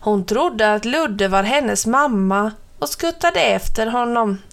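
A woman narrating a children's story in a gentle, expressive way. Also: fairly high pitch.

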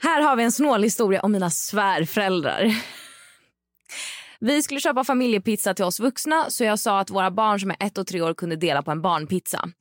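A young woman with a Swedish accent, a podcast host who reads listener stories aloud and chats casually, answering with quick affirmations. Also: medium pitch, no room sound. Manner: reacts with short affirmations, reads stories in a lively way.

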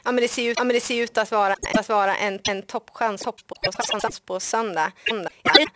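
A woman giving harness racing betting tips, talking haltingly with many restarts. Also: on the high side, steady tone, a bit bright. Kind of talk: scripted betting tips chat.

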